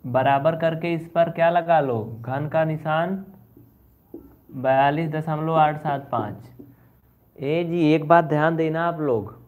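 A man's voice: a little high, slow pace. A man gives a chatty online maths lesson. He scolds his students a little and goes over each step again. The sound is thin and phone-like. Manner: chatty, scolding and repeating steps. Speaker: maths teacher.

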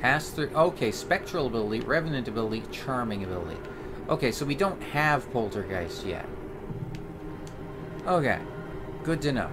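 A man's voice: mid-range voice, expressive, normal speed, pauses often, noisy background. A man streaming a video game with casual live commentary, chatting as he plays.

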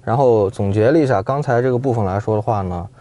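A man chatting casually as a car reviewer inside a car, quick and full of fillers. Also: lowish voice, dark tone. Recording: music playing in the background.

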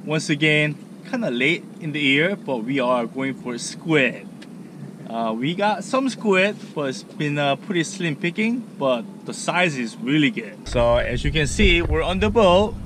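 A man hosting a fishing vlog from a small boat at sea, talking casually to a chest-mounted camera and reacting with excited exclamations. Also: a little high, unhurried. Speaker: fishing vlogger host. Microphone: action camera on the chest. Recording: loud wind and boat noise outdoors.

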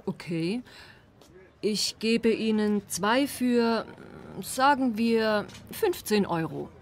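A woman acting a friendly market seller in a scripted language-lesson dialogue, speaking slowly and clearly. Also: fairly high pitch, heavily acted. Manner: slow, even, clear delivery.

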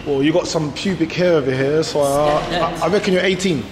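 Speaking briskly in a fairly high voice, this man from England vlogs in a busy cafe, joking and teasing while holding an action camera at arm's length. A crowd murmurs behind him and the room has long reverb.

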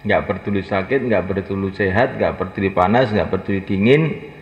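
Guy preaching, low gravelly voice, jokes around, lo-fi echoey hall recording. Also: moderate pace. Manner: folksy, humorous, voices imagined dialogue, calls listeners to stand. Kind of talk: sermon. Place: mosque gathering. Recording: echoey hall, lo-fi, faint noise.

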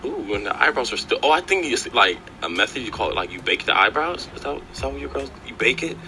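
A man's voice: medium pitch, sing-song, quick pace, pushed and bright, rough recording. A man giving casual running commentary on a makeup routine in a puzzled, questioning manner. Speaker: guest voice-over commentator. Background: background music.

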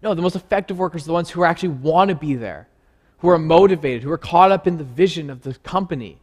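Male preacher in a church, fairly high voice, earnest and conversational sermon delivery. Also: quick pace.

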